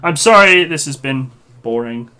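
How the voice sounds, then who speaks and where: A man's voice: a little high, animated, normal speed, very noisy. A man live-streaming a game, chatting casually and informally with his viewers in a matey way. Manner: matey, informal address to the group. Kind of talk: casual live gaming commentary, chat with viewers.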